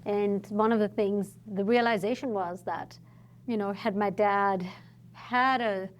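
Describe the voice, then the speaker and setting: A middle-aged woman from Fiji, a guest entrepreneur telling her story in a relaxed, reflective podcast interview. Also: mid-range voice, a little hiss or hum. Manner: reflective, storytelling, thoughtful pauses.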